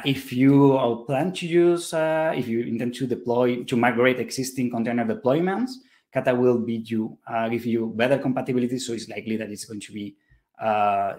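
A conference presenter gives a technical talk with a live demo in a medium-pitched, darkish voice. He sounds hesitant, with many fillers and restarts.

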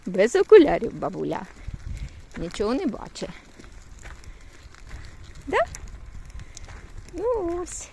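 A woman's voice: on the high side, wildly swooping pitch, slow pace, gravelly, pauses often, mellow, husky. An older woman from Ukraine chatting casually in cooing baby talk to a toddler while walking outdoors in a yard. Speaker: grandmother vlogger. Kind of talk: casual chat while babysitting.

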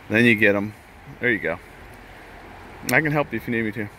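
A middle-aged fishing vlogger from Texas, his voice on the low side, talks and coaches casually while fishing beside a rocky creek. He films on a handheld phone, and the recording is full of loud noise from the rushing creek.

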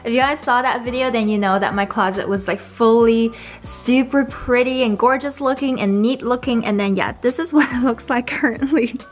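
A young woman chatting casually as a fashion vlogger in her bedroom, bubbly and quick to laugh. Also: fairly high pitch, reverberant, faint music behind. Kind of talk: casual vlog chat.

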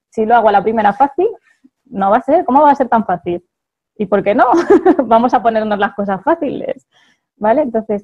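A woman's voice: fairly high pitch, vocal fry, dark tone, dull audio. A woman with a Spain Spanish accent giving a chatty motivational talk to an audience, laughing often and checking in with her listeners.

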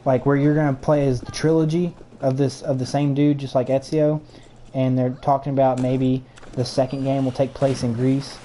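A man's voice: medium pitch, little pitch movement, moderate pace, warm tone, a little hiss or hum. A young man co-hosting a casual gaming podcast, blunt and opinionated, swearing casually. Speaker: podcast co-host.

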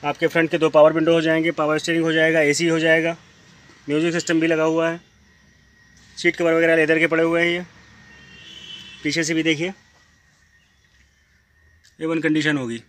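A man gives a brisk, repetitive sales pitch while walking around cars on an outdoor lot, filming on a handheld phone. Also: monotone, a bit bright. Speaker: used car dealer. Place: outdoor used car lot. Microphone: handheld phone camera. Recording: faint outdoor street noise.

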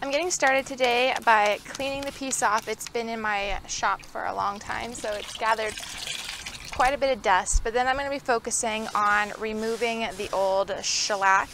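A woman's voice: on the high side, normal speed, fairly bright tone, a little hiss or hum, poor audio. A woman vlogging her furniture flip, chatting casually through each step with some ums and asides. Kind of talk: casual how-to explanation. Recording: background music. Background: background music.

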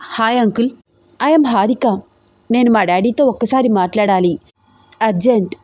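A woman's voice: fairly high pitch, normal speed, darkish tone, dry recording, lightly acted. A woman voicing a frantic, pampered young woman in a storybook audio drama, talking in an urgent, pleading, tearful way.

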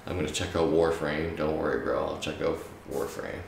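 Very deep, gravelly-voiced tired male streamer. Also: fairly even intonation, normal speed, roomy sound, recorded from a distance, background noise. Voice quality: raspy. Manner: laid-back, rambling, swears casually. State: tired, up late. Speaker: game streamer. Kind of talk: casual live-stream chat.

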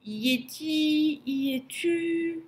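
Une femme qui joue un jeune loup têtu, voix haute, appels sonores, conte pour enfants. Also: female voice, high voice, lively intonation, unhurried, pitched above the performer's own voice. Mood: eager. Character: young male wolf, stubborn and determined. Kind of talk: storybook reading.

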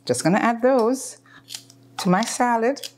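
A woman's voice: fairly high pitch, measured pace, slight background noise. A woman in her fifties hosting a casual home cooking video, chatting and explaining as she works, with frequent ums, recorded in her home kitchen. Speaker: cooking channel host.

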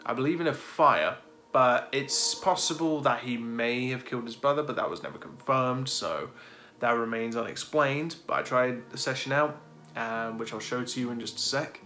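A man's voice: mid-range voice, moderate pace, sharp tone. A man in his thirties talking casually and hesitantly to camera as a paranormal video host. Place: dark room indoors. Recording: music behind the voice. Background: guitar music.

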